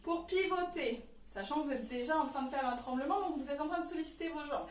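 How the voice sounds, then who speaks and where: A woman's voice: high-pitched, fast talker, slight background noise. A woman teaching an online belly dance lesson, explaining moves and calling out counts as she dances. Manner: counts and calls steps aloud while dancing. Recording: roomy echo, distant from the mic.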